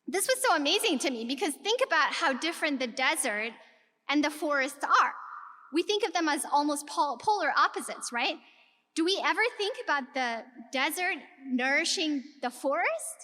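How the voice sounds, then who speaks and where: A pushed, bright, high-pitched voice belongs to an Ethiopian woman giving a sincere keynote address, asking her live audience rhetorical questions. The recording has the long echo of a large hall.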